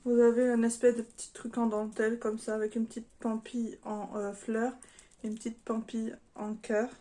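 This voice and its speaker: A woman's voice: fairly high pitch, little pitch movement, moderate pace, warm tone. A French woman chatting casually in an unboxing vlog, hesitant and full of fillers, apologizing now and then. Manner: chatty, hesitant with many fillers, self-deprecating. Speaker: vlogger.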